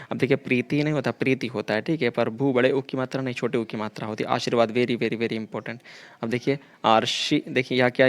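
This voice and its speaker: A man teaching a grammar lesson for exam preparation, explaining correct spellings and idioms, often repeating himself. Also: mid-range voice. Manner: repetitive, explanatory, keeps saying 'dekhiye' and 'theek hai'.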